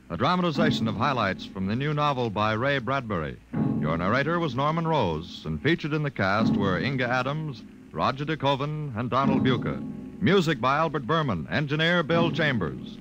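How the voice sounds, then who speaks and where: A man announcing in a formal, measured 1950s radio style, heard from an old broadcast disc transcription. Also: medium pitch, sing-song, highs cut off, loud music behind the voice.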